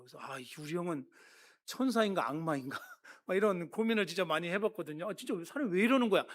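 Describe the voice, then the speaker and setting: A man's voice: on the high side, a bit bright. A man in his fifties, a pastor giving a sermon, telling personal stories in a conversational, self-deprecating way.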